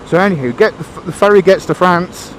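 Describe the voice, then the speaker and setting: Biker rambling into his helmet mic, slightly high voice, faint road noise. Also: brisk, a bit bright, low-quality recording. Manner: waffly, self-deprecating, many fillers. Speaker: motorcycle vlogger. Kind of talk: casual rambling chat. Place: riding a motorbike outdoors.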